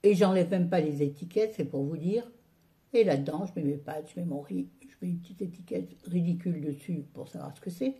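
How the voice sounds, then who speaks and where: A woman talks straight to her viewers in a casual home vlog, grumbling about everything that annoys her. Her voice sits low and very dark, with a gravelly fry running through it. She rambles in a loose, colloquial, exasperated way. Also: fairly quick. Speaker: vlogger.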